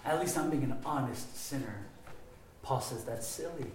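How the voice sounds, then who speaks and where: A man preaching a sermon with passion, his voice swinging between loud emphatic stretches and quieter ones. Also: mid-range voice, lively intonation, normal speed, noisy background. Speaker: pastor. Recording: very echoey room.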